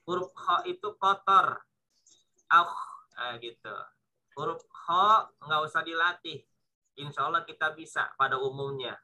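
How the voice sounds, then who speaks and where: A man's voice: on the high side, moderate pace, sharp tone, poor audio. A man with an Indonesian accent teaching Quran recitation, patiently drawing out each syllable as he demonstrates. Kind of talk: online tajwid lesson.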